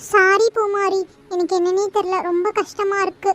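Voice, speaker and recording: A heartbroken young friend in a cartoon, as a woman puts her on, tearful, her voice very high. She speaks slowly and chokes on her sorrow. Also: a bit bright. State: crying. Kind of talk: cartoon voice acting.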